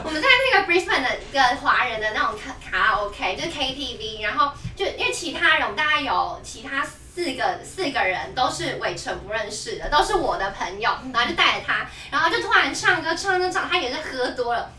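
Very high-pitched woman laughing as she tells stories. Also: a little fast, few pauses. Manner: laughing, animated storyteller. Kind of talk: casual chat among friends. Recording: echoey room, distant mic, crowd noise.

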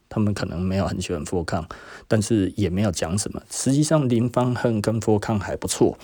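A man's voice: sits low, dark tone. A middle-aged man with a Taiwanese Mandarin accent, telling a story casually as a podcast host and acting out both sides of old conversations. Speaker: podcast host, shop owner.

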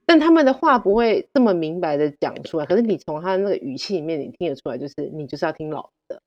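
Fast-talking direct woman guest. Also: fairly low pitch, long reverb tail, dull audio. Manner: animated, direct, quotes dialogue. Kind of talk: casual storytelling chat.

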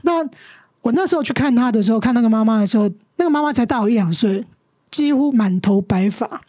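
A middle-aged woman teacher with a Taiwanese Mandarin accent appears as a podcast guest in a storytelling interview, earnestly recounting stories and acting out quoted dialogue. Her a-little-high voice is expressive, fast and darkish, captured in studio quality with no room sound.

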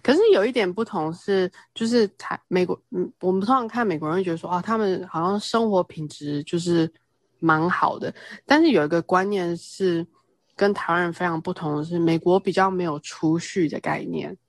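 A woman in her thirties from Taiwan, a podcast guest, talking casually and explaining at length with quick asides. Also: fairly low pitch, dry recording. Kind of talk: casual interview chat.

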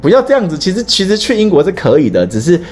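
A man hosting a podcast, telling a story in casual chat, animated and rambling, with many restarts. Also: high-pitched, quick pace. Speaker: podcast host.

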